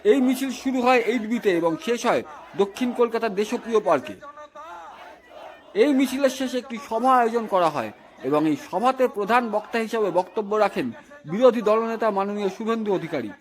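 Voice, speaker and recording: A male news reporter giving a formal, steady on-location report. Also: high-pitched, fairly quick, some chatter behind.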